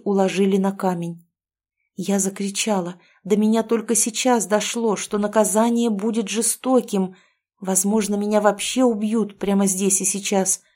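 A woman narrating a first-person audiobook in a steady, expressive storytelling manner. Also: mid-range voice.

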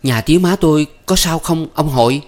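Man voicing a young scarred peasant, bitter, strained, pitched high and loud, storybook reading. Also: fairly quick, close to an everyday voice. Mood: anguished.

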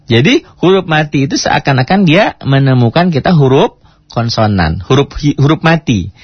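Husky male Quran teacher, dry lo-fi recording. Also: mid-range voice, sing-song, no room sound. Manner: casual explaining, breaks into slow drawn-out chanted recitation. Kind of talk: tajwid lesson with recited demonstrations. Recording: dry, dull lo-fi radio recording.

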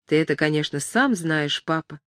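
A calm young son, as a woman reads him, patient and persuasive. He speaks gently and soothingly, recorded dry and close for a storybook. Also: low voice, moderate pace, no echo. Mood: reasoning.

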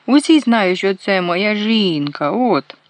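A petulant male dwarf from a storybook, shrieking and whining high above the reader's usual voice, as the narrator puts him on. He drags his words out slowly and loudly. The sound is dry and close, like a studio audiobook. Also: lively intonation, no echo.

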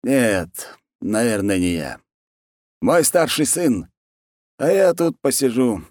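A man's voice: medium pitch, lively intonation, takes it slowly, darkish tone, dry recording, clean studio sound, voice pushed up. Bloated capricious ruler, lazy and petulant, barks orders; male reader putting him on. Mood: bossy. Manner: lazy, peevish, bossy. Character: fat lazy cruel male khan, pompous and capricious.

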